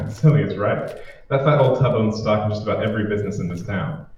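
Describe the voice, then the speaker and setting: In an old-time radio drama, a man plays a wisecracking, reluctant boyfriend who grumbles sardonically about his boss's parties. His voice is lowish, slightly mellow and fairly quick, with light acting. The sound is muffled, very echoey and distant, with faint noise.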